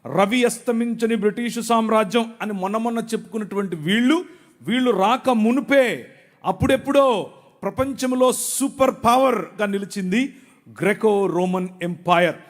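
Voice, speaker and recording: A man's voice: high-pitched, moderate pace. A man from Andhra Pradesh preaching a sermon before a large live crowd, mixing joking asides with patient explanations. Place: large venue before thousands.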